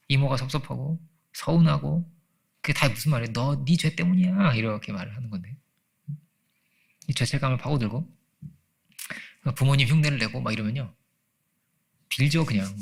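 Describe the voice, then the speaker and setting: A man's voice: medium pitch, gravelly. A man pastor preaching a conversational Sunday sermon in a church, asking his listeners rhetorical questions and acting out quoted voices. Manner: acts out quoted voices, laughs often. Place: church sanctuary.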